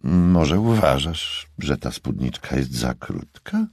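A man's voice: a bass voice, very animated, takes it slowly, darkish tone, slightly rough, no room sound, studio quality, exaggerated voice. A man voicing a teasing young woman detective. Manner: teasing, breezy.

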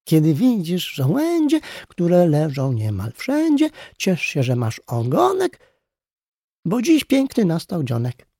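A man's voice: a little high, wildly swooping pitch, slow pace, vocal fry, dark tone, dry recording, studio quality, pitched above the performer's own voice, full character voice. A man voicing a cheerful boar humming his own little ditty. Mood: cheerful sing-song. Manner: sing-song, humming to himself.

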